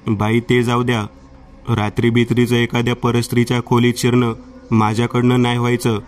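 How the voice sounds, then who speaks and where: A man's voice: mid-range voice, monotone, a little fast, a little mellow, natural voice. Man doing Rohit, a wary young man. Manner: firm, awkward refusals. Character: uneasy young man refusing a stranger.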